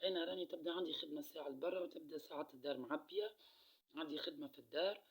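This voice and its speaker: A Tunisian man talks through a card reading in a casual, repetitive monologue. His voice sits a little high and carries a husky rasp. He speaks quickly, and his phrases often fade to a quiet murmur at the end. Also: poor audio. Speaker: card reader.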